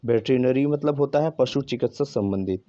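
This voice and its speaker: A man's voice: mid-range voice, moderate pace, dark tone, no echo. Man teaching vocabulary tricks, dry lo-fi sound. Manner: repeats words and spells them out letter by letter. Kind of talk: vocabulary lesson with memory tricks.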